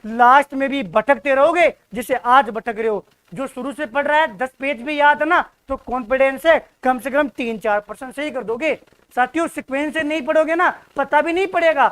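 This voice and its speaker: A man's voice: very high-pitched, normal speed, fairly bright tone. A young man teaching an exam-prep lesson in an informal, direct, exhorting way, often repeating his points. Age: young adult. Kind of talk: informal classroom lecture.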